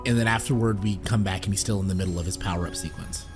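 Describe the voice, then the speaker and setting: A man's voice: low voice, steady tone, quick pace. A man streaming a video game, chatting casually and joking about himself, swearing freely as he plays. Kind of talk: casual let's-play commentary. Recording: game music playing behind.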